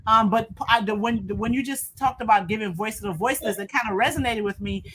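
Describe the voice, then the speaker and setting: A woman's voice: fairly high pitch, fast talker, a bit bright, a little hiss or hum, rough recording. A woman hosting an interview, chatting casually and cheering on her guest. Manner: chatty and informal, with affirming interjections. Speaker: host.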